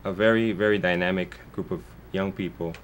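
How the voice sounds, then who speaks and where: A man's voice: sits low, steady tone, a little fast. A man born in Guyana, a foundation founder speaking as a guest in a television interview, talking earnestly in long winding sentences with many restarts.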